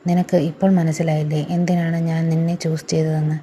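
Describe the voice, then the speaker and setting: A woman narrator voicing a cold, calmly manipulative young man in an audio story. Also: low voice, fast talker, a little hiss or hum, natural voice. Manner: calm, controlled and commanding.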